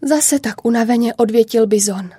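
A woman narrating a children's story in a calm, measured way. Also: a little high, breathy edge, no room sound.

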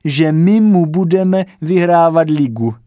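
A man's voice: a little high, warm tone, no echo, pitched above the performer's own voice, lightly acted. Cocky haughty young fan, bragging, a man doing the voice, dry close read. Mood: boastful. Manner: haughty, boastful. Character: cocky young male football fan, son.

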